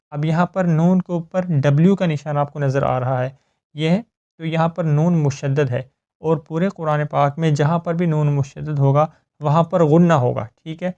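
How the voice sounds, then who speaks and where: Male tajweed tutor, clear resonant voice, slightly high, methodical and patient. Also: darkish tone, muffled recording. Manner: patient, explains step by step, checks with "ok?". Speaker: Quran recitation teacher. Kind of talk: tajweed lesson with slow recitation.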